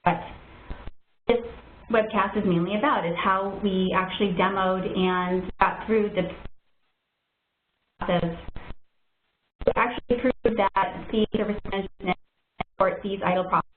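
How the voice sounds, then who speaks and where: A woman presenting a technical webinar, her voice cutting in and out over a bad call connection, halting and correcting herself as she goes. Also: mid-range voice, fairly even intonation. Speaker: webcast presenter. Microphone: computer microphone on a web call. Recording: tinny call line, echoey room, faint hiss.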